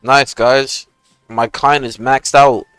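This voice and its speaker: A man's voice: medium pitch, fairly even intonation, slow pace, fairly bright tone, clean tone, no room sound, soft background music. A young man chatting casually on a game livestream in hyped gamer-bro slang, swearing freely. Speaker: game streamer. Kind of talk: casual livestream chat and gaming commentary.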